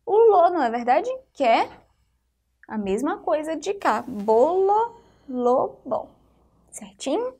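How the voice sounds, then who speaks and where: A woman's voice: high-pitched, sing-song, unhurried, darkish tone. A woman teaching a phonics lesson to young children, patient and often checking that they follow, with a Brazilian Portuguese accent. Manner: patient, keeps checking in with the class.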